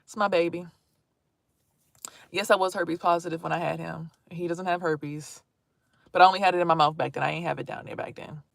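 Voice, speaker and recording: A blunt, chatty woman in her thirties streams to viewers in a low, gravelly voice, talking a little fast and pausing often. She's animated, swears freely and throws in asides during casual live-stream talk, recorded clean in a studio with no echo.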